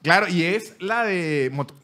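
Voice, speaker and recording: A man's voice: sits high, a little slow. A Venezuelan man hosting a podcast, chatting casually and jokingly, often restarting his words. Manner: animated, joking, many restarts. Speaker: podcast host. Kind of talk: casual chat.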